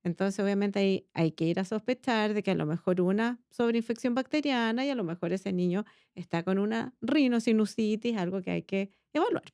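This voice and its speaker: Chilean woman pediatrician, mid pitch, patient explainer, dry close mic. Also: fairly quick, hardly any pauses, darkish tone, smooth, no echo. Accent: Chilean Spanish. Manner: explains patiently, frequent tag questions. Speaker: pediatrician, podcast host. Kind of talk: casual medical chat.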